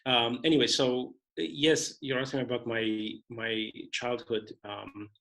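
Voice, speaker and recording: Gravelly-voiced man from Romania. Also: mid-range voice, level tone, measured pace, sharp tone, low-quality recording. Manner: thoughtful, hesitant with many fillers. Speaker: guest conductor. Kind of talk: casual interview conversation.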